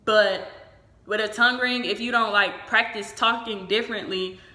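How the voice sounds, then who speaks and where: A woman's voice: mid-range voice, fairly even intonation, moderate pace, bright, forceful tone. A woman chatting informally and frankly, giving casual advice as a vlogger. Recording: echoey room.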